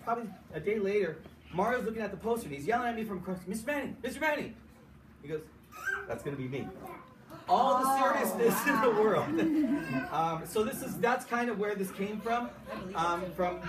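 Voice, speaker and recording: A man who teaches and runs a school show, giving a casual, chatty welcome speech to an audience and laughing often, in a warm school room. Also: a little high. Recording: echoey room from far off, with noise.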